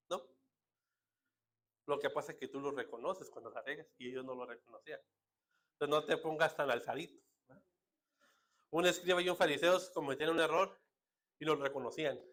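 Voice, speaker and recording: Man, pastor, northern Mexican accent, chatty joking sermon, fairly high voice. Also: fairly bright tone. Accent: northern Mexican Spanish. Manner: conversational, jokey preaching with rhetorical asides.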